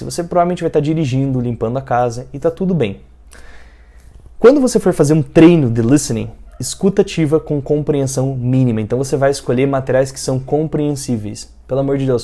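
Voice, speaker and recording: A man's voice: mid-range voice, dark tone. A man with a Brazilian Portuguese accent, a native Portuguese speaker teaching English, who explains learning tips informally and keeps checking in with "tá?" and "né?". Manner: informal, repeats points with "tá?" and "né?".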